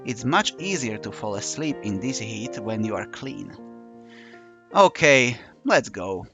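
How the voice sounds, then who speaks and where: Wry, lively male narrator. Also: fairly low pitch, moderate pace, faint music behind. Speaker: audiobook narrator. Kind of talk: first-person narration of a visual novel.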